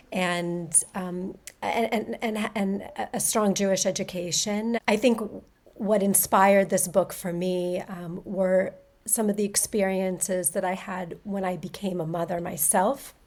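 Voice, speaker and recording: Flat-voiced woman, hesitant. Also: on the low side, a little slow. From San Francisco, California. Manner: hesitant, with repeated ands and ums. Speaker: author guest.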